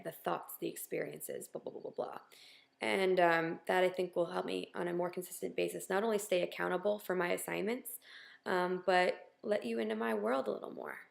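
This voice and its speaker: A woman's voice: fairly low pitch, gravelly. A woman talking candidly to her viewers in a casual video diary, with lots of ums and wry self-deprecation. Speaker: vlogger.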